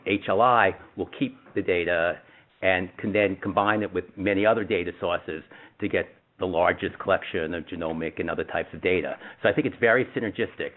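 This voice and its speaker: A man with a low voice makes his remarks on a conference call. The sound is a narrow, phone-like speakerphone line.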